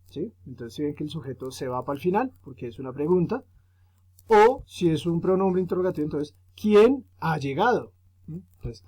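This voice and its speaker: A male teacher giving a grammar lesson, explaining patiently, often checking in with "¿cierto?" and filling pauses with "eh". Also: fairly high pitch, dark tone. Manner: explanatory, frequent "¿cierto?" tag questions; fillers "eh" and restarts while explaining. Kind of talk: recorded grammar lesson for students.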